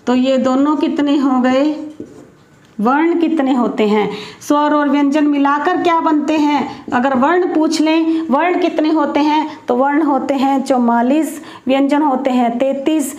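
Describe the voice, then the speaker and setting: A high-voiced woman teacher explains a grammar lesson at an unhurried pace, asking her pupils questions as she goes. Her voice rings in a noticeably echoey room. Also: darkish tone.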